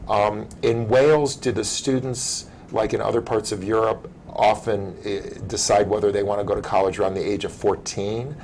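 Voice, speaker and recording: A man's voice: lowish voice, steady tone, moderate pace, few pauses, darkish tone, slight background noise. An American man hosting an interview in a conversational but formal way, as a university provost would.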